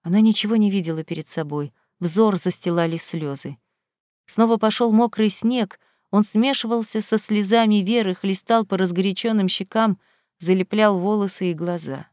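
A woman narrating an audiobook in a steady, dramatic storytelling voice. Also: medium pitch, moderate pace, dry recording, clean studio sound.

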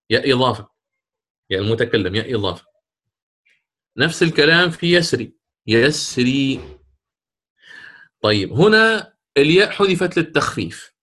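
A man's voice: fairly high pitch, bright, forceful tone. Man teaching recitation rules. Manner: poses and answers his own questions, quotes verses slowly; stretches recited words drawn out. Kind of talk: explaining a lesson on recitation rules.

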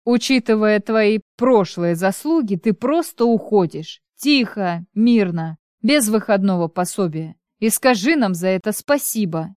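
A woman's voice: mid-range voice, lively intonation, unhurried, few pauses, darkish tone, dry recording, studio quality, close to an everyday voice. A woman reading the part of an angry, contemptuous male company director in an audiobook. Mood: cold. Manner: scolding, contemptuous.

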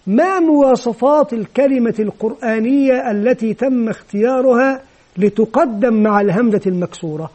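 A man with a very high-pitched voice that is also dark and mellow in tone. He lectures in a calm, methodical way, laying out each step of a classroom method in order. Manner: measured, methodical explaining. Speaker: teacher trainer. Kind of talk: explanatory lecture on teaching method.

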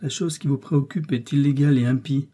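Man doing stern devout clergyman, grave, reproving, dark husky voice, audiobook. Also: medium pitch, steady tone, quick pace, lightly acted.

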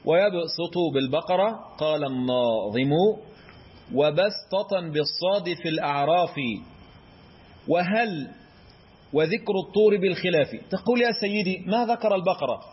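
High, husky Egyptian teacher. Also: male voice, highs cut off. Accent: Egyptian Arabic. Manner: quizzes listeners with questions and answers them himself; chants verse examples in a drawn-out recitation tone. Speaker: Quran recitation teacher. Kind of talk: explanatory lesson.

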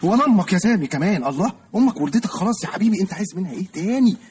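A man's voice: sits high, animated, racing, a little mellow, husky, heavily acted. An actor with an Egyptian accent playing a heavyset, awkward man who keeps fumbling and apologizing. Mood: exasperated scolding.

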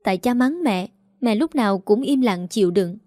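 A woman voicing a headstrong, outspoken young daughter who talks quickly and heatedly. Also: mid-range voice, expressive, dark tone, no room sound, studio quality, natural voice. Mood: heated defiant.

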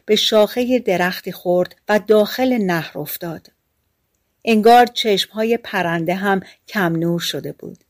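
A woman narrating a fairy tale for an audiobook in a measured, even storytelling voice. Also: medium pitch.

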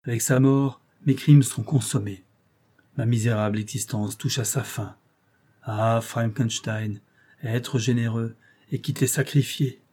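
A man's voice: mid-range voice, steady tone, a little slow, mellow, lightly acted. A man reading as an anguished monstrous creature. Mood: despairing. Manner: reproachful, impassioned lament. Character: giant monstrous male creature, anguished and bitter. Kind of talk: audiobook reading.

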